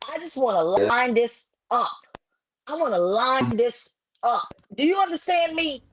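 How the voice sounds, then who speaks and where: A woman's voice: a little high, expressive, measured pace. A woman calling in to a live show over a glitchy online connection that makes her voice sound robotic, talking heatedly, repeating herself and muting her own swearing. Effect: robotic, glitchy sound from a cutting-out online connection. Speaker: call-in guest on a live show. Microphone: remote online call.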